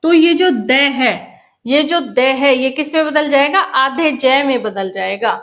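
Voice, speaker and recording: Slow, high-voiced woman teaching grammar. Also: fairly bright tone. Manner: slow, repeating questions to students. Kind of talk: whiteboard grammar lesson.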